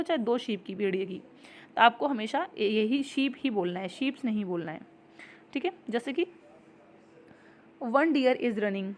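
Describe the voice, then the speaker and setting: Woman, grammar teacher, patient explanations, slow example sentences, somewhat high pitch. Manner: explains patiently, repeating "ठीक है" and reading example sentences slowly. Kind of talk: exam-prep grammar lesson.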